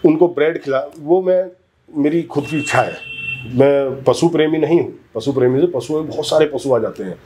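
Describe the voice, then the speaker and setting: A man's voice: a little high, normal speed, dark tone, slight background noise. A man as a guest in a heated political interview, talking emphatically, arguing his points and often cutting in over the interviewer. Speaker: interview guest, community leader.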